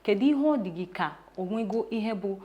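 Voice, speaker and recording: A woman's voice: medium pitch, expressive, a little fast, dull audio. Woman, Igbo Nigerian accent, mid-range voice, conversational interviewer, English words mixed in.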